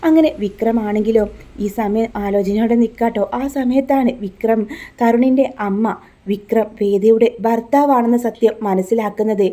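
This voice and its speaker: A woman's voice: mid-range voice, mellow. A woman narrating a casual recap of a TV serial, reading out the characters' lines in her own voice and dropping in chatty tag words. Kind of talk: casual spoken story recap.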